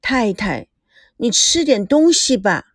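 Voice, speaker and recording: An earnest young maid who fusses and pleads with her mistress, as a woman acts her out. Her pitch rises and falls in a lively way. The sound is dry and close-miked. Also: slow pace, dry recording, heavily acted. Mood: pleading. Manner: pleading, fussing.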